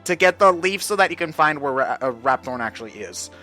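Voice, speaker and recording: Bright-voiced young man chatting casually. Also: fairly high pitch, animated, fairly quick, soft background music. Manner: enthusiastic, rambling, with many fillers. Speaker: host. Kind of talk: casual game discussion.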